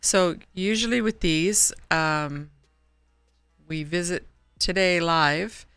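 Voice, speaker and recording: Woman, stream host, deep smooth voice, soft halting speech, dry close sound. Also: no room sound, soft background music. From Canada. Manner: halting, with many restarts and fillers, soft-spoken. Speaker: host of a writers' open mic stream. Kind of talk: casual chat wrapping up a live stream.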